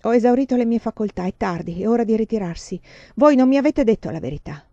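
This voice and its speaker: A woman reading aloud voices a calm, evasive old fortune-telling nun who speaks softly and deferentially. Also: a little high, fast, no echo, lo-fi sound. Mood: apologetic. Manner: soft, hesitant and deferential.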